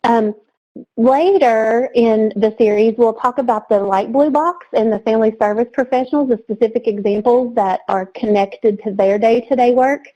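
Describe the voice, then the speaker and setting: A woman presenting a training webinar in an energetic, chatty way, laughing easily. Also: a little high, moderate pace, highs cut off.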